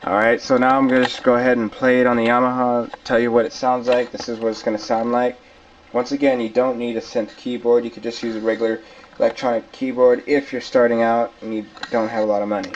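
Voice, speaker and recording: Speaking fast in a level, mid-range voice, this tutorial host explains gear step by step in a casual, hands-on way, going back over the key points. The audio is dull lo-fi camcorder sound from a distant microphone.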